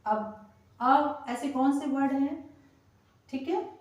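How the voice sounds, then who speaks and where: A woman with a fairly high voice teaches pronunciation at a very slow, patient pace. She spells out words and repeats them. Her voice sounds far from the microphone in a strongly echoing room. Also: a little mellow. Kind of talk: slow spoken lesson. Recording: very echoey room, voice from off the mic.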